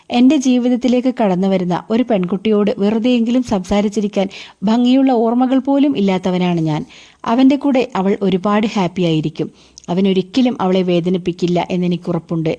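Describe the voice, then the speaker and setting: A woman reading the lines of a guarded young man who explains himself softly, subdued and pleading. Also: medium pitch, moderate pace, highs cut off, close to an everyday voice. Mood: resigned. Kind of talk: audiobook character reading.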